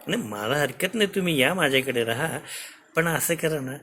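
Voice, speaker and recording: A man's voice: a little high, animated, normal speed, slight background noise. A man doing a placating, stubborn daughter. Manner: placating, softly persuasive. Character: soothing but unyielding younger daughter of the king.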